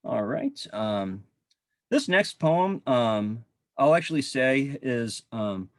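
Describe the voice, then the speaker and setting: A man's voice: medium pitch, no echo, studio quality. Man reading his own poems aloud. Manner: measured, dramatic reading with slow drawn-out phrases; relaxed, halting asides with frequent ums. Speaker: poet. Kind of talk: poetry reading. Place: home, virtual event. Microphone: video call.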